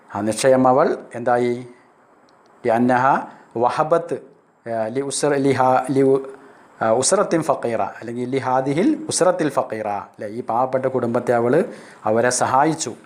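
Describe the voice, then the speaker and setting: A male Arabic teacher from Kerala explaining a lesson step by step, speaking Arabic phrases slowly and then translating them. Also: mid-range voice. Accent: Kerala Malayalam. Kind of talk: recorded classroom lesson.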